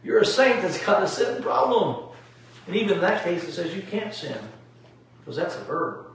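A male pastor leads a Bible study at home, firing off emphatic rhetorical questions in a high, very animated voice with vocal fry at a moderate pace. He's captured from a distance in an echoey room with faint noise.

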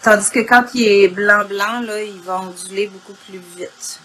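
Woman, Quebec French accent, husky morning voice, medium pitch, informal craft tutorial, frequent throat clearing. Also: fairly even intonation, moderate pace, a bit bright, slight background noise, low-quality recording. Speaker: craft instructor. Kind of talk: informal demonstration of an art technique. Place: indoor craft worktable.

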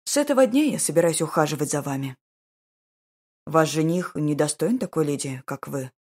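A woman voicing a calm, self-assured duke who speaks in a dry, ironic and level way, with a slightly husky voice. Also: deep voice, moderate pace. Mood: earnest.

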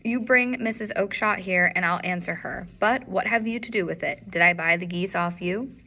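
A woman voicing an angry male market salesman in a story reading, shouting and blustering. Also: on the low side, moderate pace, vocal fry, a little hiss or hum, rough recording. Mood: furious.

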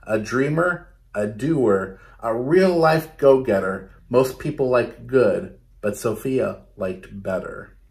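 A man with a mid-range, darkish voice and some vocal fry reads a picture book aloud to children in a small indoor bedroom. His storytime reading is animated and instructive, pausing to ask questions and explain things to the young listeners.

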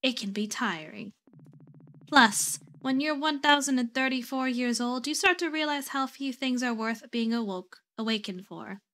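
A woman's voice: fairly high pitch, moderate pace, pushed and bright. A woman voicing an ancient, weary female goddess who talks in an aloof, languid way.

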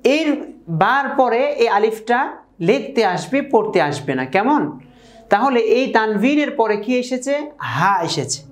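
A woman teaching Quran reading at a whiteboard. She spells out syllables slowly, repeats each example, and often checks in with her viewers. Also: a little high, lively intonation. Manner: checks in with listeners by asking "okay?"; addresses viewers formally. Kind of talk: whiteboard lesson.

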